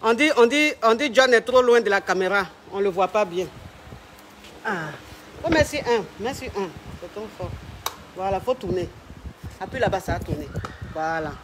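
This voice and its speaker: A man's voice: sits high, expressive, moderate pace, long pauses, a bit bright, slight background noise. A man, a relationship coach talking on a live stream at home, flamboyant and mocking in his delivery. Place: at home with family around.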